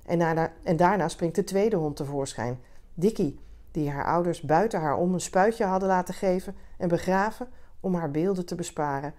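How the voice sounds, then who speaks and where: A woman reading a literary short story aloud in a calm, measured way. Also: on the low side. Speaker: reader.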